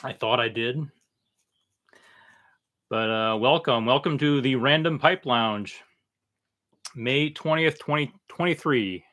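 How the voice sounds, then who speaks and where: A man hosting a casual, unscripted livestream, talking in a halting way that often trails off. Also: medium pitch, a bit bright. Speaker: livestream host.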